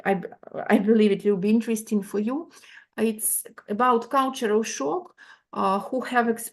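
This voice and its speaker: A woman from Ukraine giving a university lecture online. She talks haltingly, with many fillers and restarts, and checks in with listeners by asking "yeah?". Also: fairly high pitch, gravelly.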